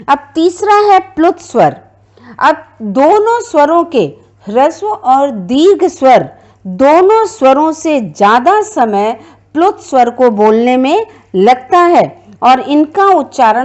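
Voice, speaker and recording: Woman teacher, high voice, unhurried, repeats each point, dull lo-fi recording. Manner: explains step by step, repeats points. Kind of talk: classroom grammar lecture.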